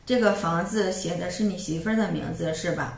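A woman's voice: on the low side, a little fast, gravelly, echoey room. A woman voicing a scheming widowed mother-in-law in her own plain voice, coaxing and nagging.

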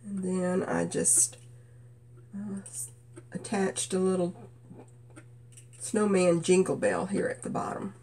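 A woman from Kentucky with a cold and a nasal voice, chatting gently about her stitching projects with many "uh" fillers. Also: lowish voice, level tone, slight background noise. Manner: gentle, unhurried, frequent "uh" fillers. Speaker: stitching vlogger. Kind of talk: casual show-and-tell chat.

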